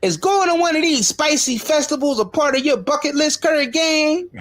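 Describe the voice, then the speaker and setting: A man's voice: very high-pitched, normal speed, fairly bright tone. A man hosting a comedic commentary show, crude and mocking as he talks to viewers. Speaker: commentary channel host.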